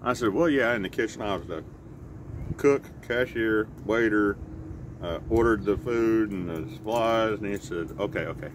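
Middle-aged man, very low voice, casual rambling vlog, halting and easygoing, clear outdoor background noise. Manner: easygoing, halting, self-correcting. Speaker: pipe vlogger. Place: outside by a house with siding. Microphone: camera a short distance in front. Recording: clear outdoor traffic or air-conditioner hum.

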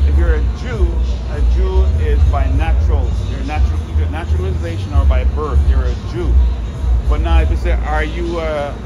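A man's voice: on the high side, steady tone, a little fast. A man with a Jamaican accent, a passerby arguing casually in a street debate. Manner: argumentative, casual. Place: outdoor plaza at night. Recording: muffled, loud music behind.

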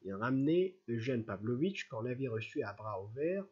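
Homme à la voix voilée lisant un roman. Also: male voice, mid-range voice, sing-song, moderate pace, darkish tone, slightly rough, muffled recording. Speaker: audiobook reader. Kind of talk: audiobook narration of a classic novel.

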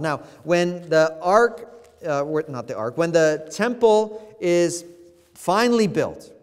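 A man's voice: fairly high pitch, big-room sound. A man, a pastor, preaching a sermon with earnest emphasis, his voice rising in the emphatic passages and sometimes restarting phrases. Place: church sanctuary.

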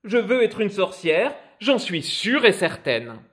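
A man's voice: high voice, sing-song, slow, a bit bright, full character voice. A man playing a stubborn little fairy girl. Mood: defiant. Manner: insistent, defiant. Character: stubborn young fairy girl wanting to be a witch.

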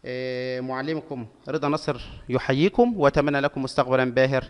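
A male primary school teacher giving a reading lesson, sounding out words syllable by syllable and stretching each one slowly for young pupils. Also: medium pitch, clear, resonant tone. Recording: long hall reverb.

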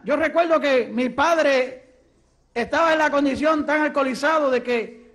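Man, 30s, Puerto Rican accent, preacher, very high-pitched, animated storytelling, handheld mic, church hall. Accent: Puerto Rican Spanish. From Puerto Rico. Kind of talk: testimony sermon. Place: church hall stage at a pulpit.

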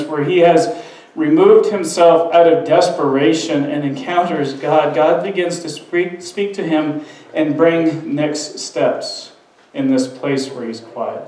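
A man's voice: on the high side, a little mellow. A man giving a sermon as pastor, talking earnestly and conversationally, often restarting his sentences. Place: church sanctuary. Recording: very echoey room, mic at a distance.

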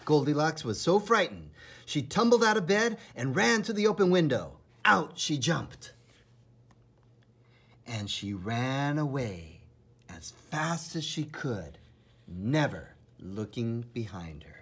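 A man narrates a picture book for kids in a dramatic, expressive way, taking his time. His voice is husky and breathy at a medium pitch.

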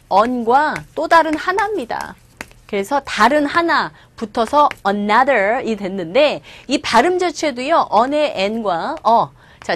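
A woman from South Korea, teaching an English lecture and drilling pronunciation by repeating model words and quizzing her students. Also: a little high. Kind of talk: online lecture.

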